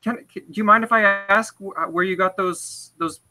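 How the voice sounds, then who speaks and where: A man playing a tabletop game over a video call that keeps cutting out; he talks in a hesitant, polite, halting way. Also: sits high, fairly even intonation, pushed and bright. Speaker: player. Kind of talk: casual tabletop game play.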